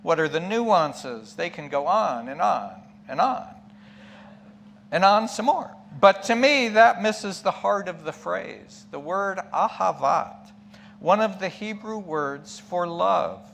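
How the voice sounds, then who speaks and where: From a church pulpit, a middle-aged or older lay preacher gives a sermon in a high, animated, fairly bright voice at a slow pace. He is reflective and emphatic, posing questions and tossing in asides. Background hum and noise are clearly audible.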